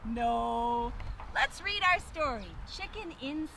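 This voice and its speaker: Lady doing kids show host talk, bright and super lively, asks little questions, bit of background noise. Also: high voice, slow pace. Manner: exclaiming and asking simple questions of child viewers. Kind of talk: kids show host, presenting and reading a storybook aloud.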